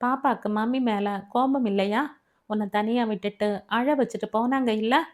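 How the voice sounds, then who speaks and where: A woman's voice: fairly high pitch, steady tone, moderate pace, a little mellow, close to an everyday voice. A woman voicing a stern young father who speaks curtly and reproachfully to his estranged wife. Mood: tender. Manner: curt and reproachful.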